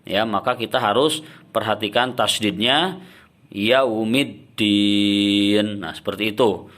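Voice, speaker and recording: A man teaching Quran recitation, explaining common mistakes and then chanting verses in a slow, drawn-out way. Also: lowish voice, animated. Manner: ends points with soft drops "ya", "nah".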